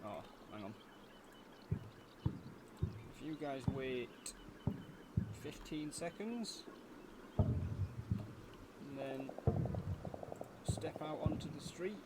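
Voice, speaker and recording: A man's voice: a little high, sing-song, extremely slow, long pauses. A man giving casual strategy game commentary, tentatively thinking aloud as he plays. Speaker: gameplay commentator. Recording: loud game noise behind voice.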